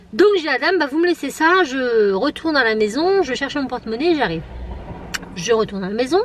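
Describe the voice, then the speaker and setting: A woman's voice: a little high, a little hiss or hum. A woman in her thirties, chatting casually and laughing at herself while she vlogs from her car. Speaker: vlogger. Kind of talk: casual chat vlog.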